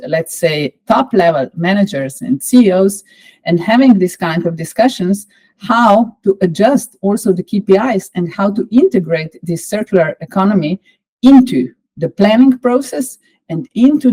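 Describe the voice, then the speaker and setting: Slovenian woman lecturer, lowish mellow voice, steady explainer, lots of "uh" fillers. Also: low-quality recording. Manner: measured, explanatory, with frequent fillers. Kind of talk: online course lecture.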